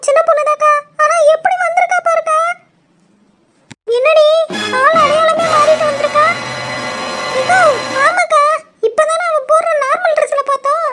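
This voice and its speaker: Very high, squeaky cartoon voices of chattering village women, all put on by one woman. They gossip and bicker back and forth in quick local banter. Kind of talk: cartoon voice acting.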